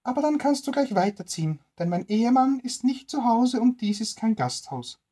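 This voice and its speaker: A stingy old woman who grumbles and complains, her voice pitched far up, shrill and a little breathy. She swings her tone about in a lively way while she protests. She is a figure in a bedtime storybook reading. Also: moderate pace. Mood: grumbling.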